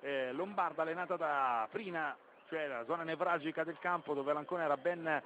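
A man's voice: on the high side, a little fast. A man giving live radio football commentary, narrating play, score and minutes as the match unfolds. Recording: dull lo-fi radio feed, loud background noise.

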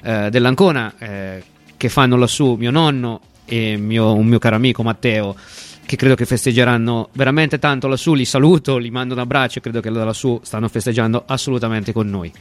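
Male local radio host, mid pitch. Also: a little fast. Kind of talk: live local radio sign-off talk.

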